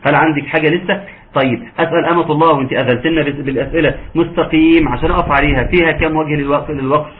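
A fairly high-voiced Egyptian man leads a recitation class, speaking patiently and breaking into long, slow recited phrases. His voice comes through a narrow, phone-like channel with a faint hiss underneath. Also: steady tone. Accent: Egyptian Arabic. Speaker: Quran recitation teacher. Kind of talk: online tajweed lesson.

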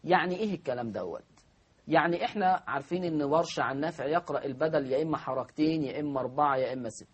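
A man with an Egyptian accent teaching Quran recitation rules, drawing out example words slowly and asking his class questions. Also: medium pitch, breathy edge. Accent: Egyptian Arabic. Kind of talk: spoken lesson on recitation rules.

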